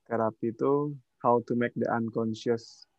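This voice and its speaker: A man interviews his guest, mostly adding short interjections and then asking a question with some hesitation. His voice sounds mid-pitched and is recorded dry, with no room echo. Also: fairly even intonation, a little slow, a little mellow, highs cut off.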